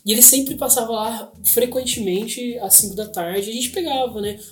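A young man with a Brazilian Portuguese accent hosting a podcast, telling a story in casual slang with dramatic pauses. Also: very high voice, crowd noise. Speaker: podcast host. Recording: echoey room with faint music.

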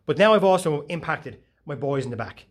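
A man, giving a casual, profane motivational talk full of animated storytelling. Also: fairly high pitch, fairly quick. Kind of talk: casual monologue.

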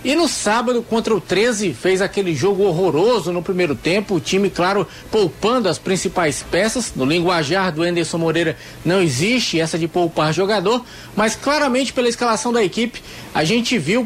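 Repórter esportivo de voz aguda, com ruído ambiente. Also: male voice, high-pitched, normal speed. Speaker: football team reporter. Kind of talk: spoken live sports radio report. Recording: clear background ambient noise.

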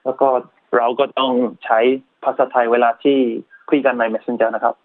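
Foreign man speaking halting broken Thai, phone-like sound. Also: mid-range voice, little pitch movement. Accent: foreign, English-speaking accent in Thai. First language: English. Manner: non-native, broken learner's Thai with simple grammar and English words mixed in; halting, polite, searching for words. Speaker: interview guest, YouTuber. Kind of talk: casual interview answers. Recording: thin narrowband phone or radio line.

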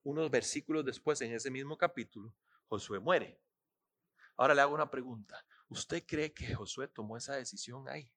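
A man preaching a sermon, animated and asking listeners questions. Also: mid-range voice, moderate pace. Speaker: pastor.

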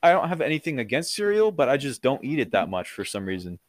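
A man's voice: mid-range voice, very animated, no echo. A man in a casual podcast chat who agrees readily and chimes in often. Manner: agreeable, quick to chime in with "yeah".

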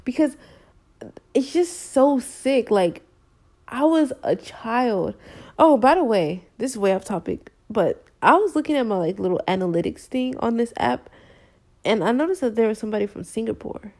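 A woman's voice: fairly high pitch, animated, normal speed, darkish tone. A woman in her twenties ranting in a casual vlog, slangy, emphatic and exasperated. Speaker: vlogger. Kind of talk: frustrated casual rant.

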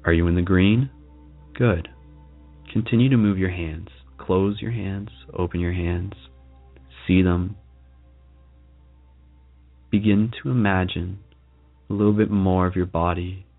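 Soft deep-voiced man guiding meditation. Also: phone-quality sound. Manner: soft, calming, slow with long pauses. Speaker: meditation guide, show host. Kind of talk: guided meditation. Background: music.

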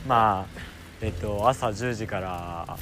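A man's voice: on the low side, slow. Casual teenage boy with Kansai accent. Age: teens. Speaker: radio show co-host. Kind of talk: casual chat and banter.

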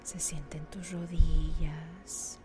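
A woman guiding a meditation in a soft, half-whispered, slow and soothing way. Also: low-pitched, flat delivery. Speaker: meditation guide. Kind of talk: guided meditation. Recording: music playing behind.

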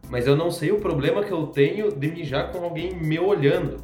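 Young guy, kinda high voice, easygoing slangy chat, echoey room. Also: brisk, darkish tone, faint music behind. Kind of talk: casual podcast chat.

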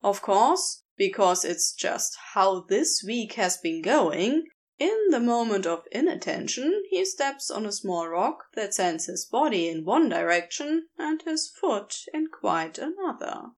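In this podfic, a female reader performs a piece of fan fiction at an unhurried, deliberate pace. Her narration is animated and expressive, ranging widely up and down in pitch.

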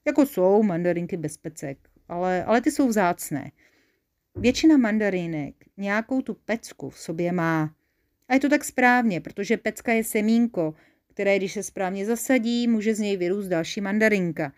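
A woman's voice: medium pitch, lightly acted. A woman doing a kindly, wise Saint Nicholas. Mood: gentle. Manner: gentle, explaining like a calm teacher.

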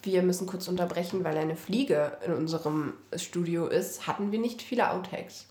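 A woman's voice: on the low side, moderate pace, a little mellow. A young adult woman with a bad cold, co-hosting a podcast in a laid-back, colloquial chat. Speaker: podcast co-host. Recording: roomy, echoing sound.

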